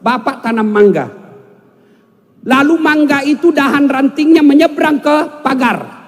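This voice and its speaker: A man delivers a humorous sermon at a public gathering, teasing and addressing his listeners directly. His voice sits high. It carries a long, echoing reverb from a large hall. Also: measured pace. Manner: joking, addresses the audience directly. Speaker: preacher.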